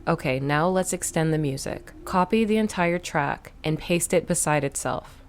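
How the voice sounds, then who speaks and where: A woman with a fairly low voice walks through a software tutorial one step at a time. She explains things plainly and instructively while soft music plays faintly underneath. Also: moderate pace. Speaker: tutorial host.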